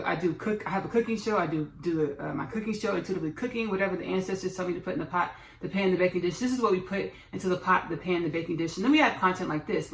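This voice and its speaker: A woman's voice: on the low side, a little hiss or hum. Chatty woman in an echoey room. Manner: animated, repetitive, spiritual rambling. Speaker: host. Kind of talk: casual mukbang monologue.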